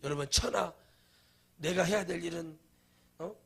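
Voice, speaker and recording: Gravelly, high-voiced male pastor preaching. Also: moderate pace. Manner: swings from hushed asides to loud shouted declarations. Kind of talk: sermon.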